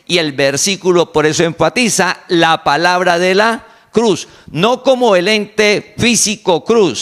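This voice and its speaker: A man preaching a sermon to his congregation, repeating key phrases slowly for emphasis. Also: high voice, a bit bright. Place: online congregation meeting.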